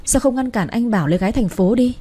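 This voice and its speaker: A woman's voice: a little high, animated, fast, dark tone, breathy edge, pitched above the performer's own voice. A woman voicing a hurt young city-born wife who pleads politely with her in-laws. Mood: hurt pleading.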